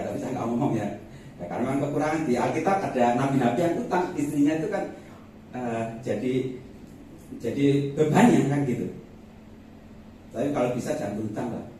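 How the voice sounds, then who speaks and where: A man with a lilt preaching a Sunday sermon, telling personal stories with humor and chuckles. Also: medium pitch. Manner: humorous, animated storytelling with chuckles. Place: church sanctuary. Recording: echoey church hall, distant mic, faint noise.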